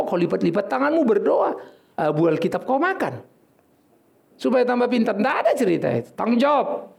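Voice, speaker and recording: Gravelly, lively male preacher. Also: sits high. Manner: animated, scolding, joking preacher with sudden loud bursts. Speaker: pastor. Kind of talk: sermon.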